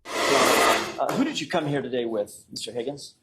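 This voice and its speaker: A male defense attorney in a courtroom recording, pressing a witness with rapid-fire cross-examination questions. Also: mid-range voice, expressive, bright, forceful tone. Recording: echoey courtroom audio, faint noise.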